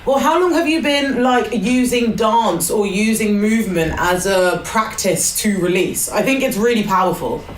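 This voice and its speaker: Excitable woman podcast host, roomy and distant. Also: mid-range voice, normal speed, few pauses. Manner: excitable, playful, heavy "like" fillers. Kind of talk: casual spiritual chat. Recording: roomy and a bit far from the mic, faint noise.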